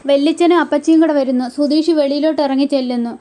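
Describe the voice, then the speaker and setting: A woman's voice: sits high, steady tone, fast, warm tone. A woman retelling a TV serial episode as a story, reading out every character's lines in her own voice.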